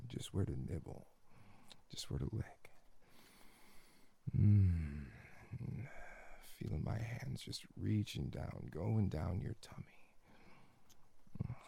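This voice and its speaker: A man's voice: low voice, gravelly. A man speaking in an intimate, murmured audio roleplay, humming often and slipping into half-whispers. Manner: murmuring, many soft hums, half-whispered.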